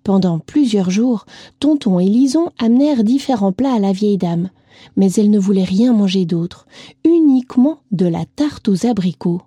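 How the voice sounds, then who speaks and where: Husky, mellow storyteller woman. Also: medium pitch, moderate pace, dry recording. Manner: gentle, lively, speaks directly to a child listener. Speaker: storyteller for children. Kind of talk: storybook reading for children.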